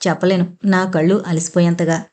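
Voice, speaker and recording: A woman voicing an affectionate, teasing young husband in a storybook reading, with gentle, playful questions. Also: on the low side, little pitch movement, fairly quick, close to an everyday voice. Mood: tender.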